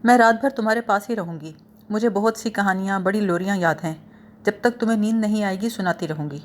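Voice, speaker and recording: A woman's voice: medium pitch, close to an everyday voice. A woman voicing a weary young woman sick of her life, speaking in a sad, confiding way. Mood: coaxing.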